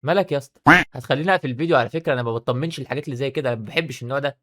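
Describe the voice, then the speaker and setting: A man with an Egyptian accent, commenting on a video clip in an animated, argumentative way, talking back at the other speaker. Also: mid-range voice, racing. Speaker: reaction video creator.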